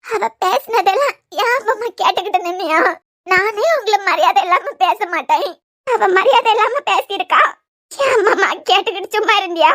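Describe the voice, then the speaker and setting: A woman's voice: very high voice, moderate pace, a bit bright. A woman voicing a heartbroken young woman raised by her grandparents, pleading in a Kanyakumari Tamil accent, in a cartoon serial. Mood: reproachful. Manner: tearful, pleading.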